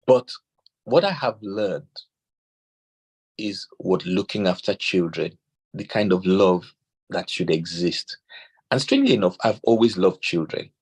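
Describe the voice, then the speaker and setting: A man's voice: low-pitched, measured pace, long pauses, slightly rough. A Nigerian man giving a talk on parenting, telling stories, quoting scripture and acting out the dialogue. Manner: animated storyteller acting out quoted dialogue. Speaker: speaker on parenting.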